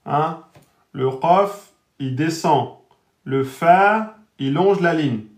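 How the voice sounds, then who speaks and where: Slow, patient male Arabic teacher. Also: on the high side, roomy sound. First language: French speaker teaching Arabic. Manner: spells out letters and vowels slowly, repeating words. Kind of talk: live online reading lesson.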